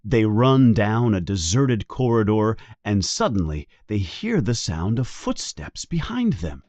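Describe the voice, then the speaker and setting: A man narrating a children's storybook aloud in an expressive, unhurried way. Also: on the low side, no room sound.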